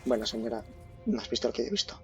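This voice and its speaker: A young man doing let's-play commentary, excitable, swearing and joking. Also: mid-range voice, very fast, vocal fry, faint music behind, poor audio. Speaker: gaming youtuber.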